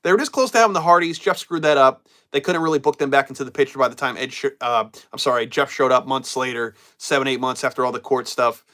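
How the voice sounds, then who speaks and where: Talking quickly with barely a pause, this wrestling show host has a mid-range, somewhat bright voice. Still getting over a cold, he keeps things casual on his live stream, reading comments, repeating himself and letting sentences trail away.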